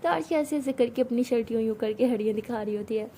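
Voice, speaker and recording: Casting: female storyteller, high, mellow voice, casual conversational narration. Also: fast, a little hiss or hum. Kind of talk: informal story narration with acted dialogue.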